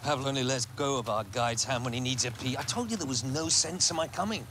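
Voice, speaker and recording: An actor playing a wry private detective who speaks in a dry, blunt way. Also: male voice, medium pitch, quick pace, background noise, natural voice. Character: wry middle-aged male private detective.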